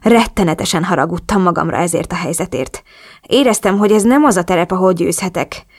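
Expressive woman narrating a romance audiobook. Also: on the low side, breathy edge, dry recording, clean studio sound. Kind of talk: first-person audiobook narration.

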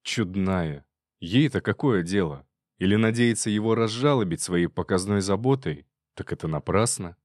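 A man narrating an audiobook in an even storytelling manner. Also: low voice, moderate pace, no room sound, clean studio sound. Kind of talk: audiobook reading.

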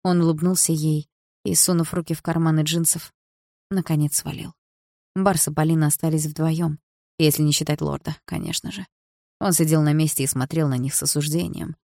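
A woman reading audiobook narration in a flat, even way. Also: low-pitched, fairly quick, vocal fry, dry recording, studio quality.

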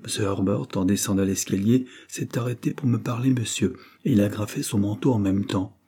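A man's voice: lowish voice, a little fast, mellow, husky. A man voicing a polite male servant. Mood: respectful. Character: male house servant, deferential.

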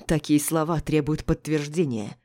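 A woman's voice: low-pitched, steady tone, normal speed, close to an everyday voice. A woman reading the part of a proud aristocratic male duke in an audiobook, speaking sharply and curtly. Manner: sharp and curt.

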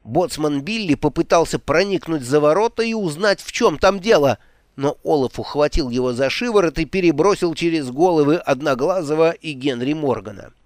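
A man reading an audiobook story aloud in steady, measured narration. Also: fairly high pitch, no echo, studio quality. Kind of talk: scripted narration. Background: music.

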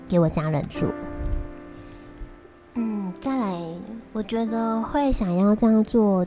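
A woman with a Taiwanese accent chats casually to viewers as a vlog host, talking while eating, in a halting way. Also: mid-range voice, mellow. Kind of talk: casual solo chat to viewers. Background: prominent music.

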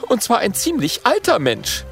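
A man voicing a small, eager young male dragon who talks in a quick, chirpy, cheeky way. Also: high-pitched, huge pitch swings, vocal fry, a bit bright, faint music behind, pitched above the performer's own voice, full character voice.

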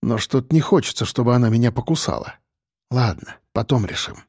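A man's voice: mid-range voice, brisk, darkish tone, breathy edge, no echo, studio quality. Man voicing a wry, muttering investigator. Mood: muttered. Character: young man Max, wry streetwise investigator.

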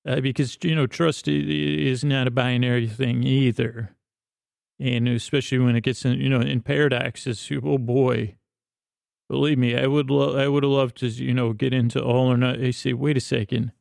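Creaky monotone guy hosting a sleep podcast, soothing rambly talk, lots of pauses, faint music behind. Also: mid-range voice, no room sound, clean studio sound. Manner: lulling, soothing, meandering, with pauses and self-corrections. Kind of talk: rambling bedtime monologue.

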